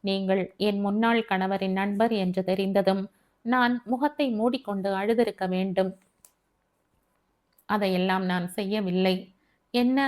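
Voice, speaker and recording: Woman reading candid self-possessed divorcee, questioning tone, medium pitch, storybook. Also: natural voice. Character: composed, frank divorced woman. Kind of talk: audiobook dialogue reading.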